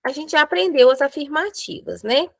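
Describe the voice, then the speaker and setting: A woman teaching an English grammar class, explaining step by step and slowing down to spell out examples. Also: high voice, animated, gravelly, fairly bright tone, no room sound, low-quality recording.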